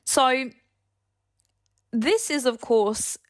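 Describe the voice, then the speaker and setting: A woman's voice: high voice, lively intonation, drawn-out words. A woman hosting a solo podcast, chatting casually and candidly to listeners in a cheeky, emphatic, sweary way. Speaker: podcast host and nutritionist fitness coach.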